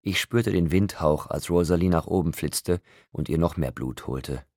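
A man reading an audiobook in a calm, even storytelling manner. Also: sits low, moderate pace, no echo, clean studio sound. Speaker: audiobook narrator. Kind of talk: audiobook narration.

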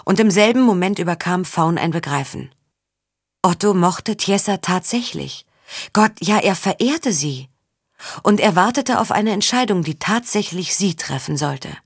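A woman narrating an audiobook in a calm storytelling manner. Her voice sits a little low with a husky grain. The recording is dry and close. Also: measured pace, no room sound. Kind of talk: scripted narration.

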